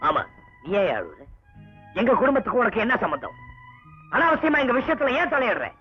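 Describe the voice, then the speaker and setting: A young actor playing a hot-tempered son in a classic film melodrama. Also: male voice, very high voice, wildly swooping pitch, fairly quick, heavily acted. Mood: angry. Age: young adult. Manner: curt and angry, then overjoyed. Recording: dull old film soundtrack, faint music.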